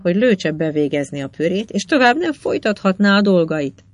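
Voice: medium pitch, sing-song, dry recording, lightly acted. A reader voicing a sly, jovial male schemer who talks in a wheedling, boastful way in an old tavern story. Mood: scheming. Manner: wheedling, boastful, grinning talk. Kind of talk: audiobook character reading.

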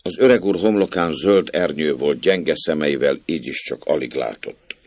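A man reading a story aloud in measured audiobook narration. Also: a bass voice, darkish tone, dry recording.

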